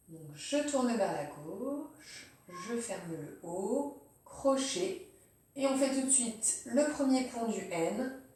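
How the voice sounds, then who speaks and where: A woman teacher explains handwriting slowly and evenly, naming each pen stroke as she makes it. Her voice is mellow and low in brightness. She sits back from the microphone in a very echoey room. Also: recorded from a distance. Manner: calm, step-by-step, narrating each pen stroke. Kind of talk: slow handwriting demonstration. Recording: very roomy, voice off-mic.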